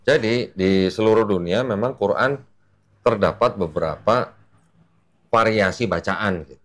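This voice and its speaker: Deep-voiced man explaining with patience. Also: a little slow. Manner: patient, explanatory, with frequent fillers and slang. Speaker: Islamic preacher. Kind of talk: casual explanatory chat.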